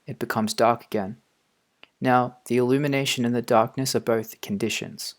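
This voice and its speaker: A man reads a scripted philosophical text in a quiet audiobook style. His voice sits at an average male pitch, and his delivery is measured and formal. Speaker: audiobook reader.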